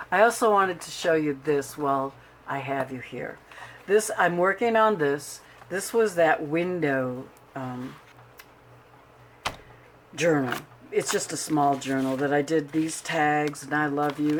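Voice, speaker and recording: A middle-aged woman with a lowish voice chats casually to the camera about her crafts. She tells stories in a lively way and acts out what people said. A faint hiss sits under the recording. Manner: animated storyteller who acts out quotes. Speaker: craft video host. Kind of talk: casual chatty vlog.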